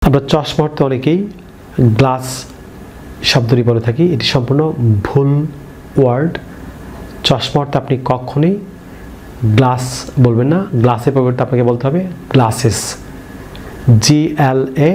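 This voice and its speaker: Male English teacher, mid pitch, spells words letter by letter, drills learners, faint noise under the voice. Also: moderate pace, pauses often, a little mellow. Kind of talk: vocabulary lesson.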